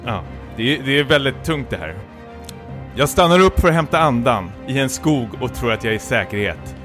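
Playful man with a lively voice. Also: mid-range voice, soft background music. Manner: playful, breaks into laughter while reading. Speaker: podcast co-host. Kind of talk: comic reading of a self-written fan story.

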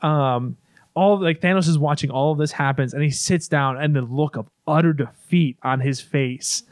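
A man's voice: on the high side, normal speed, no echo, studio quality. A man casually recapping a movie in long, rambling stretches, restarting often and swearing now and then.

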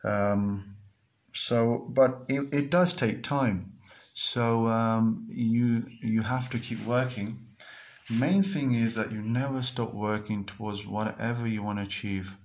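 A man with a somewhat low voice hosts his own podcast and talks straight to his listeners. He speaks earnestly and repeats himself, and his sentences are full of ums and restarts as he urges them on. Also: fairly even intonation, slow. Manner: earnest, repetitive, many fillers and restarts. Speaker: podcast host. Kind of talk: motivational monologue.

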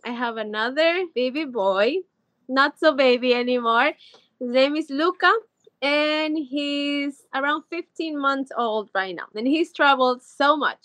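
A woman from Ecuador in her thirties is an eager podcast guest in a casual interview chat, using lots of "like" fillers. Her high, fairly bright voice moves at a measured pace, with no room sound.

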